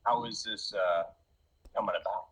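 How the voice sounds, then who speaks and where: A man's voice: lowish voice, normal speed, husky, rough recording. A man talking in a casual chat, rambling and emphatic with many restarts. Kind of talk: casual conversation.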